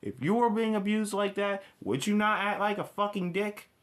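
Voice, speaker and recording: A cartoon episode reviewer with a high, fairly bright voice rants informally, blunt and profane. His delivery halts often as he backtracks and restarts his sentences.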